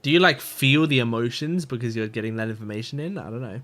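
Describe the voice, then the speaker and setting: A man from Australia streams a video game, reacting with casual jokes and now and then reading text aloud while faint game music plays. His medium-pitched, fairly bright voice moves at a quick pace, with slight background noise.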